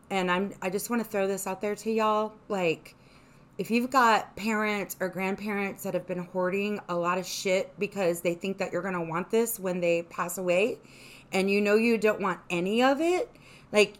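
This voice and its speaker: Chatty woman podcaster, mid-pitched. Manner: chatty, lots of "like", casual swearing. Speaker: podcast co-host. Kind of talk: casual chat.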